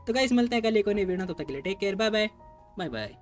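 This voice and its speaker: Fast, lively high-voiced man recapping a comic. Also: soft background music. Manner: chatty, talks straight to the viewers as "bro". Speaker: manhwa recap narrator. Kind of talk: casual storytelling recap.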